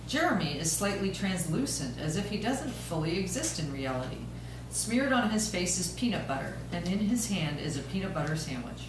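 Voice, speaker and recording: At an amateur table read, a woman with a lowish voice reads scripted stage narration at a moderate pace, her pitch swinging widely. She's recorded from a distance in a very echoey room, with clear noise present.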